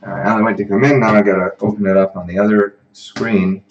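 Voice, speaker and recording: A man's voice: on the low side, level tone, fast, dull audio, a little hiss or hum. A young man running a live-streamed neuroanatomy tutoring session, talking casually with a dry, self-deprecating manner. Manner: casual, self-deprecating, livens up when addressing viewers. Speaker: neuroanatomy teaching assistant.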